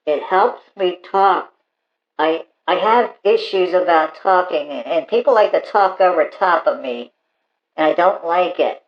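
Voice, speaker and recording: A man's voice: high-pitched, pitched above the performer's own voice. A man putting on the voice of a touchy male caller who talks through a paper towel tube and hates being talked over. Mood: plain, defensive. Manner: defensive, quickly takes offense. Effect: talking through a paper towel tube. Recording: hollow muffled echo through a cardboard tube.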